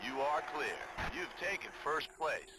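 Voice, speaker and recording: A man's voice: a little high, unhurried. A man voicing an alert, businesslike race spotter in a racing video game, giving clipped, repetitive calls over team radio. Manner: clipped, repetitive short callouts. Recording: very noisy, loud car engine.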